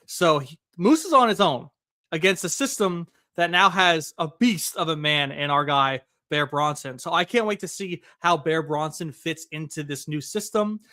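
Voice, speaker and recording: On a casual wrestling podcast, a male co-host talks eagerly and fast with lots of filler words, his voice slightly high, bright and ringing. The recording is dry, made close to the mic in a dry room.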